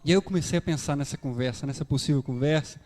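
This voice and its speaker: A man preaching a sermon with a Brazilian Portuguese accent, animated, acting out dialogues in shifting voices. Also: fairly high pitch, quick pace. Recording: reverberant church hall.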